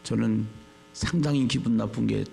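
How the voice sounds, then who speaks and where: A male pastor preaching a sermon. He repeats phrases for emphasis and swings from low murmurs to shouted lines. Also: fairly even intonation, normal speed, vocal fry, a little hiss or hum.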